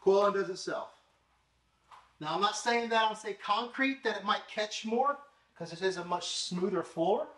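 This car-care channel host is a young man with a high, fairly bright voice at a normal speed. Working hands-on in his tiled home garage, he explains things casually to a camera mic as he moves, in a relaxed product demo.

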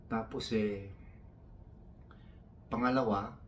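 A man's voice: lowish voice, fairly even intonation, takes it slowly, far from the mic, a little hiss or hum. A man from the Philippines doing stand-up storytelling, taking on his coworkers' broken English in a raised voice. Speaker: comedian.

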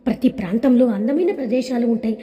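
A tender, brooding young man in love, read by a woman narrator in an audio story. The voice sits high and mellow. It carries a long hall reverb. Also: animated, quick pace, close to an everyday voice.

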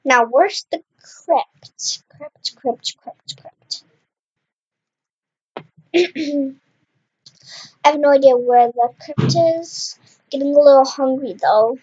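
Speaking slowly with long pauses, a young gaming host commentates her Minecraft session in a high voice with a dark tone. She chats casually and reacts loudly to on-screen events, with a slight cough and some throat clearing. The highs are cut off.

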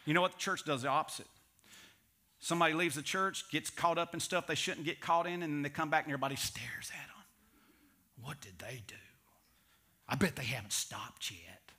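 Speaking a little fast with a fairly high pitch, a middle-aged man preaches a sermon on a church stage. He is animated, alternating between booming emphasis and hushed side remarks.

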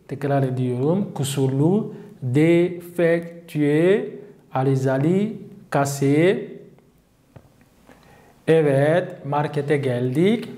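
A man teaching French vocabulary, saying each word slowly and repeating it for learners. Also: on the high side, warm tone. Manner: slow, deliberate, repeats each word twice. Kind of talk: vocabulary lesson.

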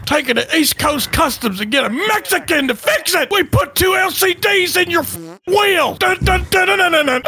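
A man talking through a high-pitched voice changer, shouting taunts at other players in online game chat. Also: lively intonation, moderate pace, faint music behind.

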